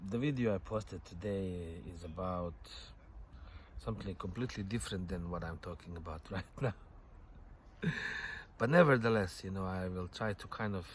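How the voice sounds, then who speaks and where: Seated on a bench by a lake, a middle-aged vlogger muses aloud in a lowish voice, surrounded by plenty of outdoor noise and traffic. Bosnian is his first language, and his easygoing, reflective monologue meanders with many "you know" fillers and soft chuckles.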